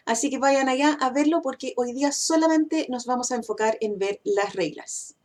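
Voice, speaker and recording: This woman's voice is high with a darkish tone. She explains English pronunciation casually, often saying "eh" while thinking, and draws out the example words slowly.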